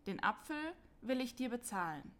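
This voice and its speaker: A woman's voice: on the high side, sing-song, normal speed, fairly bright tone, voice pushed up. A woman voicing a kind, caring male cobbler who speaks in a friendly, inviting way. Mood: kindly.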